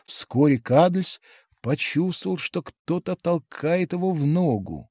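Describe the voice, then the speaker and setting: A man reading a novel as an audiobook narrator, in a measured, deliberate style, recorded in a studio. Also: fairly high pitch, animated, mellow, breathy edge, no room sound. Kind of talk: scripted narration.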